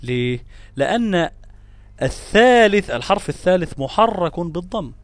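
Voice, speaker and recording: Very animated and pitched high, this Quran recitation teacher with an Egyptian Arabic accent moves at a moderate pace through a tajweed lesson on grammar rules. He emphasizes example words, asks and answers his own questions, and mixes classical Arabic with colloquial remarks. The recording has no room sound.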